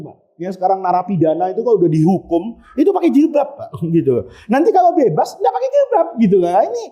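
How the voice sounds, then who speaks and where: A man's voice: sits high, mellow, dull audio. A man teaching a study circle in a mosque. He jokes, asks the audience questions and answers them himself. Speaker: religious teacher.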